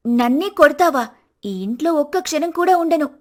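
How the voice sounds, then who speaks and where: A woman voicing a proud, quick-tempered young daughter-in-law in an animated storybook, talking sharply and sarcastically in a raised voice. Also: sits high, voice pushed up. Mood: defiant.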